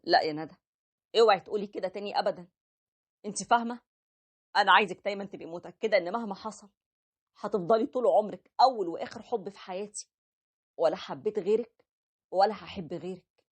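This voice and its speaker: A woman's voice: mid-range voice, fast, long pauses, husky, close to an everyday voice. A woman voicing a tender, apologetic young husband who narrates his own story, with an Egyptian accent. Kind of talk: animated story voice acting.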